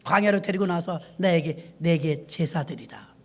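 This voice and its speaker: A woman preacher voicing God as a solemn, tender divine voice in sermon storytelling, speaking slowly and gravely. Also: on the low side, animated, pitched below the performer's own voice. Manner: slow, hushed, grave delivery.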